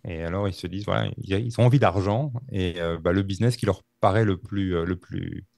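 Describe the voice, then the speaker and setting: A man telling a true-crime story on a podcast, halting with many fillers and restarts. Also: low-pitched, gravelly, a little mellow, no room sound, clean studio sound. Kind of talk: casual storytelling.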